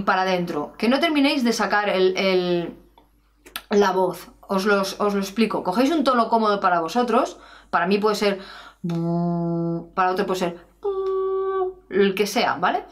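A woman, giving a chatty singing lesson and demonstrating exercises as a vocal coach. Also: mid-range voice. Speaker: singing teacher.

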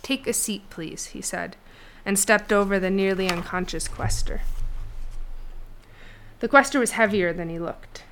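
A woman narrating a fantasy novel chapter in a steady storytelling read. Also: mid-range voice, measured pace, long pauses, a little hiss or hum. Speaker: audiobook narrator. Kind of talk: scripted fiction narration.

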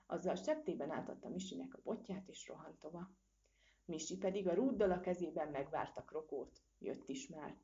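A woman narrating a children's storybook with lively, expressive reading. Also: fairly low pitch. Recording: dull lo-fi recording.

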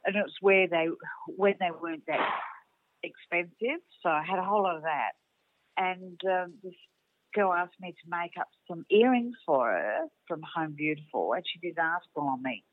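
A woman's voice: on the low side, moderate pace, dry recording. An older woman from Australia tells her stories in a loose, rambling way. Her voice comes through a thin, tinny phone line with no room sound at all. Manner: rambling storyteller. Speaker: guest. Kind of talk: casual chat. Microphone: phone call.

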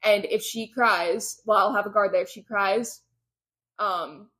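A woman recaps a novel for her co-hosts in relaxed, easygoing chat. She slips into brief quoted lines and fills the gaps with plenty of "like" and "um." Her voice sits at an ordinary middle pitch. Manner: retells scenes with quick quoted voices, lots of fillers. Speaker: podcast co-host recapping a book. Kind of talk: casual chat.

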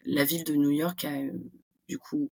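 A young Frenchwoman talking as a guest in a relaxed interview, chatty and full of fillers. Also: low-pitched, moderate pace, breathy edge. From France. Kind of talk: casual interview conversation.

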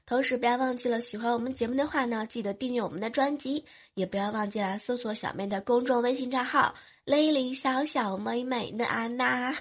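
A woman's voice: fairly high pitch, a little fast, hardly any pauses, slightly rough. A young woman hosting a podcast, reading listener messages aloud in a playful, teasing way while nursing a cold and a sore throat. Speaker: podcast host.

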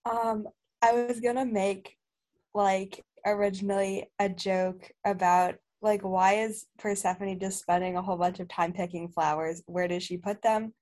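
A woman on a casual podcast, with a middle-pitched voice. She rambles, loses her train of thought, and fills gaps with "like" and "um". She teases her co-hosts in a playful way. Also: steady tone, a little slow, darkish tone. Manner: rambling, filler-heavy, joking. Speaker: podcast co-host.

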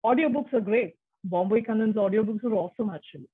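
A woman in her forties with Tamil as her first language speaks casually as an interview guest, chatty and prone to restarting. She talks fast in a medium-pitched voice with a breathy edge, and the audio is muffled like a phone line.

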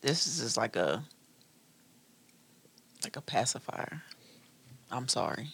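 A man on a casual podcast with a gravelly, fry-laced voice at a middle pitch. He talks bluntly and teases the others with dry jokes. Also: big pitch swings, slow, a bit bright. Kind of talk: casual group chat.

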